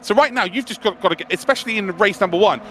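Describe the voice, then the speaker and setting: Very fast-talking male motorsport commentator. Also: sits high, a bit bright, slight background noise. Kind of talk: live esports sim racing analysis.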